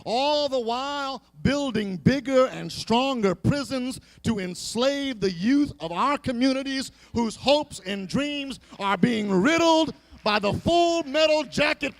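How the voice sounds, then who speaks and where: At a live public gathering, a man preaches to the audience in an impassioned, dramatic oration full of emphatic, rhythmic repetition. His voice is extremely high and gravelly, animated yet slow in pace.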